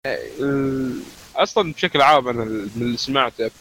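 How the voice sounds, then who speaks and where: Bright, quick man. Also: medium pitch, animated, creaky, a little hiss or hum, low-quality recording. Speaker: podcast co-host. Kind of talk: casual podcast chat.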